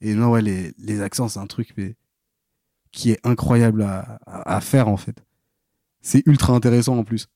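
Low-voiced young man, halting fillers. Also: fairly even intonation, dark tone, no echo, clean studio sound. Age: 20s. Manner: hesitant, full of fillers and restarts. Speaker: podcast guest. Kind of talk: casual interview storytelling.

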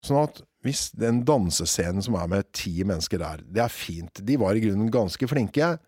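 A man speaks in a fairly low voice about directing theatre. He talks with animated bursts and frequent hesitant fillers. The recording is dry, with no room sound. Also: husky, no room sound. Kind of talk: reflective interview talk.

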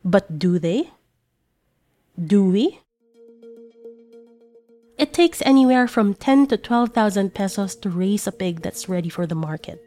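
Woman news narrator, mellow tone, measured scripted read, faint music underneath. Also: mid-range voice, expressive. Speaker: podcast writer and producer, narrator.

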